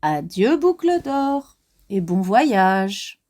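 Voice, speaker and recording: A woman reading a children's picture book aloud in a slow, expressive, sing-song way. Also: medium pitch. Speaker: children's storyteller. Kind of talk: read-aloud storytelling for children.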